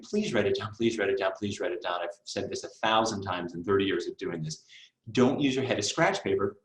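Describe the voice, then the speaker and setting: A middle-aged man teaching a live online test prep class in a conversational way, with fillers and asides. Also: on the low side. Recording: roomy echo.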